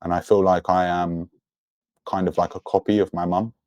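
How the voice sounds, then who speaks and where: A man's voice: low voice, level tone, normal speed, darkish tone, no room sound. A young man speaking as an interview guest in an earnest, introspective way about his own life. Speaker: podcast guest. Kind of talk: personal, reflective interview talk.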